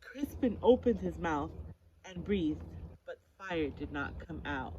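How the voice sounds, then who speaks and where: A woman reading a picture book aloud to children in an expressive, emphatic storytelling style. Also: fairly low pitch, slow pace, lo-fi sound, slight background noise. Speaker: story-time reader for children. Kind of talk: animated picture-book read-aloud with questions to listeners.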